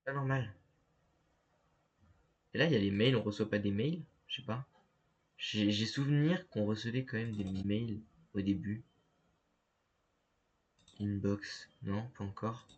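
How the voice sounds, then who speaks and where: Male streamer, slow talker, husky voice, halting and stammering. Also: lowish voice, steady tone, highs cut off. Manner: halting, stammering, reads on-screen English aloud. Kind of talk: live gameplay commentary.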